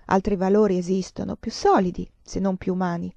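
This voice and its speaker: A thoughtful young woman student, read by a woman with a dark, mellow voice. She talks earnestly and reflectively, in a dry, slightly dull recording. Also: mid-range voice, steady tone, a little fast, gravelly, no echo, natural voice.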